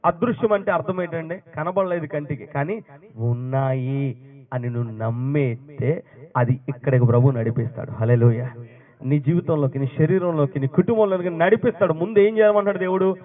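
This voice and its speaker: A man preaching a sermon as pastor, throwing questions to the congregation and rising to loud, emphatic bursts. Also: fairly high pitch, moderate pace. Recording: tinny phone-like sound.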